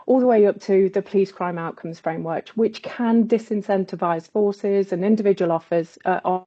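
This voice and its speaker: A woman's voice: mid-range voice, moderate pace. A woman chairing an online panel whose audio keeps cutting out on a bad connection. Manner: warm, eager welcoming tone. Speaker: webinar chair. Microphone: video call. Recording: dull lo-fi video call audio.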